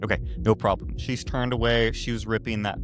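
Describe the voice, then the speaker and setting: A low-pitched man runs a tabletop game as its game master. He narrates in a steady, measured way, with music playing behind him.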